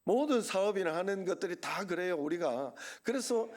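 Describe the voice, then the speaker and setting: A middle-aged male pastor with a Gyeongsang Korean accent preaches a conversational Sunday sermon full of rhetorical questions and asides. His voice sits high and is expressive, at a moderate pace.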